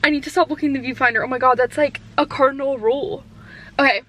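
Young woman vlogger, high voice, jittery chatty first-timer, camera held in hand in her car. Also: fairly even intonation, fast, bright, forceful tone. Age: 20s. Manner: nervous, giggly, rambling with many likes. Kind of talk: casual vlog chat.

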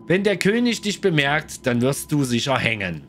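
Vain, prissy falcon, as a man puts it on: a scolding, hissing storybook bird voice, pitched high. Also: big pitch swings, normal speed, a bit bright.

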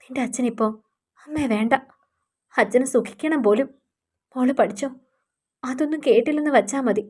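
A woman voicing a hurt young housewife who pleads and complains softly. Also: fairly high pitch, fairly quick, close to an everyday voice.

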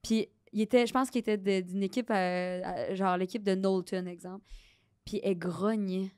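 A woman's voice: medium pitch, steady tone, moderate pace, dark tone, no room sound, studio quality. A young woman with a Québécois accent, a guest telling self-mocking stories in a casual podcast chat. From Quebec. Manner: laughing, self-mocking storyteller.

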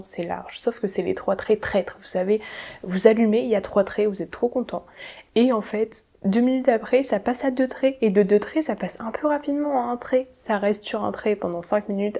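A woman's voice: medium pitch, gravelly, dark tone. A woman book vlogger chatting casually to her viewers, with self-mocking asides in a monthly reading wrap-up.

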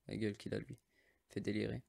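A man's voice: on the low side, level tone, unhurried, gravelly, a little mellow. A French man casually presenting mobile game characters, rambling with many hesitations and often forgetting names. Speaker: mobile game video host.

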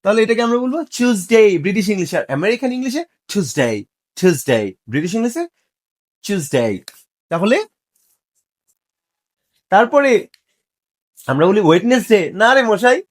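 A man's voice: very high voice, lively intonation, fairly quick, long pauses. A man teaching English pronunciation in a casual, joking way, teasing his viewers as he corrects them.

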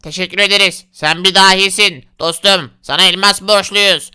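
A man's voice: sits high, steady tone, normal speed, clear, resonant tone. A man voicing grateful male villagers in a block-building game who thank and honor their rescuer. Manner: warm, thankful, calls people brother.

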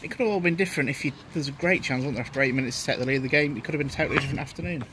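Fast-talking male club interviewer. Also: mid-range voice, sharp tone. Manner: rapid, leading questions. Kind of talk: post-match interview questions. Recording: outdoor noise behind.

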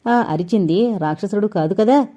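A woman's voice: medium pitch, moderate pace, warm tone, dull audio, lightly acted. A woman voicing a timid, naive young man who asks fearful questions. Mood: scared.

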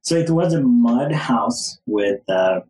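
A man's voice: medium pitch, animated, slow pace, a little mellow. A young man from Uganda, a podcast guest, answering in a casual, hesitant way with many fillers and restarts. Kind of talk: casual interview. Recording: roomy echo.

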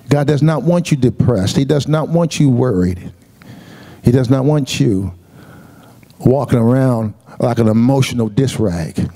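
A man's voice: medium pitch, warm tone. A man preaching a Sunday sermon as pastor, calling out to the congregation and repeating words as he builds his points. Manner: preaching with call-and-response asides; repeats words and restarts often.

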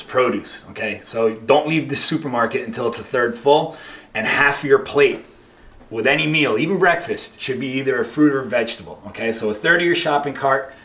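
A man's voice: mid-range voice, normal speed, fairly bright tone, roomy sound. A man presenting as a personal trainer in a supermarket aisle, emphatic and coaxing as he gives shopping rules. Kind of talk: instructional presenting.

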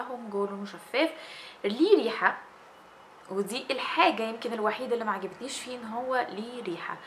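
A young Egyptian woman talks quickly and chattily about a skincare serum, her hands moving as she speaks. Her voice sits at an ordinary middle pitch. A faint hum of room ambience sits under her webcam recording in a small indoor space. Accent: Egyptian Arabic. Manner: chatty, animated, gestures with her hands while talking. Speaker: beauty vlogger. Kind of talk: casual product review.

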